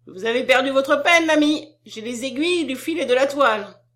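A woman reading a story aloud, voicing an anxious, devout peasant nurse who speaks in loud exclamations. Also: mid-range voice, normal speed, natural voice. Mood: alarmed. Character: frightened, kind-hearted peasant nurse woman. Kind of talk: audiobook character reading.

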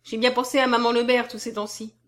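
A woman's voice: on the high side, quick pace, close to an everyday voice. A confident young man who teases and lectures by turns, read by a woman. His tone sits between mockery and solemnity. It is a storybook part, close to the reader's own voice. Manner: lively, half mocking, half solemn. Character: young man, confident, teasing, self-assured suitor. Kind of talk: audiobook character voice.

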